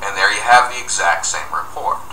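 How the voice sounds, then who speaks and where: A middle-aged man walking viewers through software screens step by step, upbeat and explanatory, recorded at a desk in an office. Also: lowish voice, brisk. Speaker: software tutorial presenter. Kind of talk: screencast walkthrough narration. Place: office room indoors, at a desk. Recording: roomy, distant mic with faint noise.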